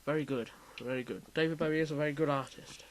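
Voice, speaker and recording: A man hosting a casual quiz chat, reading out questions with lively emphasis. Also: a little high, fast, slight background noise. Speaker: quiz host.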